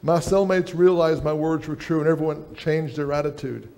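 A man's voice: a little high, fairly even intonation, normal speed, creaky, warm tone. A middle-aged man preaching a sermon on a church stage, reading aloud from a book at a lectern.

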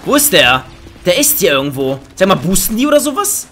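A young man doing excitable, joking let's play commentary on a headset mic, with bursts of high laughter. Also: brisk, soft background music. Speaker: gaming YouTuber. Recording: faint game gunfire behind.

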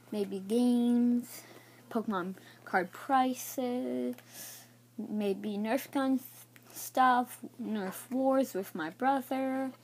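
Casual woman vlogger, slow and hesitant, slightly high voice, faint room hum behind. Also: a little mellow. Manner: halting, unsure naming of items. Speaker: card showcase vlogger. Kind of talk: casual card showcase.

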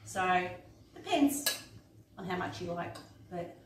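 Taking it slowly in a lowish, expressive voice, a middle-aged home cook from Australia walks through a recipe step by step, casually, while working at her stove at home. The audio comes from a camera mic a few steps off, sounding roomy, distant and noisy amid sizzling and clattering pots and dishes.

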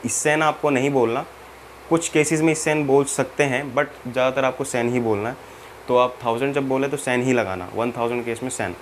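A man's voice: medium pitch, steady tone, fairly quick, a little hiss or hum. Patient man teaching a language lesson. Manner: patient, repeats steps and checks understanding; mixes in English terms, spells out each example.

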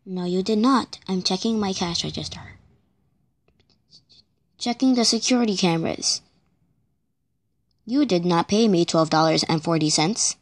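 A woman voicing a stubborn female cashier who talks in a flat, quiet monotone and keeps insisting on payment. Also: on the low side, measured pace, long pauses. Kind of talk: playful make-believe skit.

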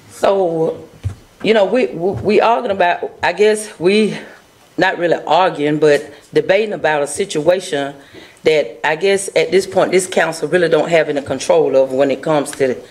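A woman's voice: low voice, darkish tone, slight background noise. A middle-aged woman council member, speaking earnestly at a council meeting into a desk microphone, with frequent restarts. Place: council chamber at a dais.

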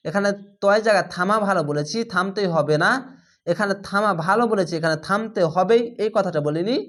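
A man teaching a Quran recitation lesson. He spells each word letter by letter, recites it slowly and drawn out, and patiently repeats the rules, sometimes quizzing the viewer. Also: sits high, a bit bright.

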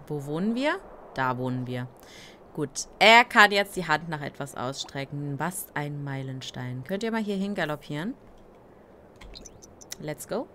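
A woman's voice: low-pitched, a little hiss or hum. A tired woman streaming a life-sim game, chatting casually and greeting viewers by name with playful asides. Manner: slow, relaxed talk with playful asides. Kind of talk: casual live-stream commentary.

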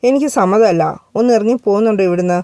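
A frightened young woman pleads and pushes back in a storybook reading, voiced by a woman narrator. Her voice is mellow and smooth, and it sits close to the mic in a dry sound. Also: medium pitch, quick pace, no echo, close to an everyday voice. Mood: angry. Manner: pleading, raised voice.

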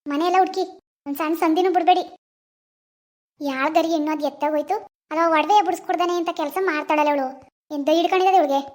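A woman's voice: very high-pitched, background noise. A woman voicing a furious scolding village woman. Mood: angry. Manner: scolding, indignant, rapid. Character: angry scolding village woman, bossy and vengeful. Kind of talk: animated village drama voice acting.

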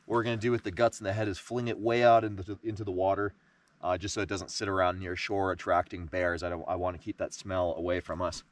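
Deep-voiced man vlogging outdoors at night. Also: quick pace, distant mic. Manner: excitable, talks to the camera. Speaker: fishing vlogger. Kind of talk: casual solo outdoor vlog. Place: dark forest lakeshore at night, outdoors.

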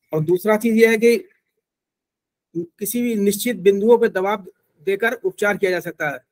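Halting man teaching acupressure. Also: high-pitched. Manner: informal, halting explanations with many restarts. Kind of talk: online class lecture.

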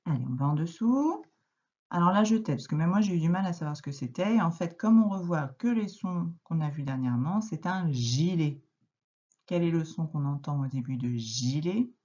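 A woman teacher with a French accent, gently guiding a young child through a phonics lesson, encouraging and repeating words slowly. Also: low-pitched, expressive, highs cut off. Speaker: primary school teacher.

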